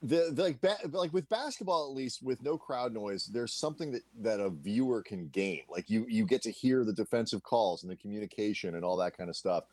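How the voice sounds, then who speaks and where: Halting man co-host, dry sound. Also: lowish voice, lively intonation, darkish tone, no echo. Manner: halting, stumbling into questions. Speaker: podcast co-host. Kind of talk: casual podcast conversation.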